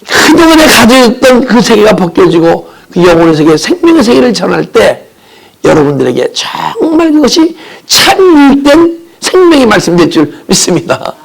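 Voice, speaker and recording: Gravelly high-pitched impassioned pastor. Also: male voice. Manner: impassioned, vivid sound words, swings from soft to crying out. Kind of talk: emotional sermon testimony. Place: church sanctuary.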